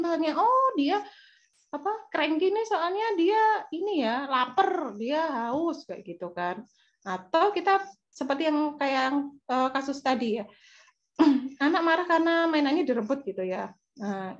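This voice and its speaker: A woman's voice: on the high side, lo-fi sound. A woman with an Indonesian accent presenting a parenting webinar over slides, hesitant with many fillers and self-corrections. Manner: acts out soft calming lines to a child.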